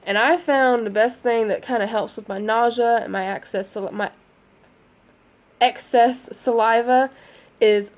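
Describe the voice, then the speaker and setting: A woman's voice: medium pitch, a little mellow. A woman chatting in a rambling way with lots of fillers and asides. She is giving a casual vlog update at home. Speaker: vlogger. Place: at home near a bedroom.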